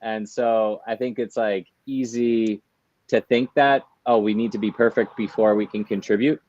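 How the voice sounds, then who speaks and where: This guest is a US artist-entrepreneur chatting in a podcast interview, relaxed and thoughtful, with frequent laughter. He speaks at a moderate pace in a slightly mellow, rather low voice with fairly even intonation, captured on dry, dull, lo-fi remote audio.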